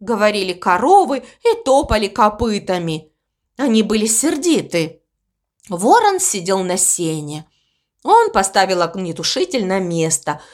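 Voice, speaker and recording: A woman narrating a children's storybook aloud, expressive and unhurried. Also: medium pitch.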